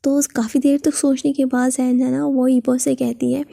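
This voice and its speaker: A woman's voice: high-pitched, flat delivery, normal speed, gravelly, dark tone, no room sound, clean studio sound. A woman telling a story in a chatty, casual narration full of fillers. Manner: chatty, with frequent fillers and restarts.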